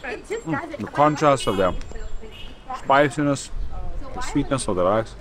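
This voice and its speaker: A man's voice: mid-range voice, huge pitch swings, unhurried. A man, giving a casual food review in short, savouring phrases. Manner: savouring, short appreciative phrases while eating. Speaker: food vlog host. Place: outdoors in a parking lot. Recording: outdoor car park with chatter and traffic.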